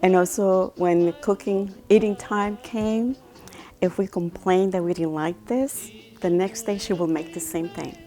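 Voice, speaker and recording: A woman's voice: lowish voice, fairly even intonation, measured pace, warm tone, faint music behind. An older woman recalling a strict upbringing in a frank, amused way. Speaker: interviewee. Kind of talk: reminiscing interview.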